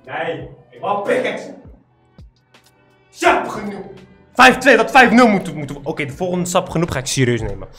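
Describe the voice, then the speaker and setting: A man's voice: high-pitched, sing-song, normal speed, long pauses, bright, forceful tone, soft background music. A young man giving boastful, trash-talking commentary over his own gameplay. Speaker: gaming YouTuber.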